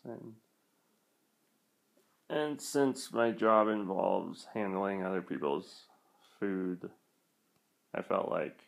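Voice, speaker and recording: Very slow, creaky-voiced young man, sounding unwell. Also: low voice. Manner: halting, hesitant, trailing off. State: feeling sick, achy and nauseous. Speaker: vlogger. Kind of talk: casual vlog talk.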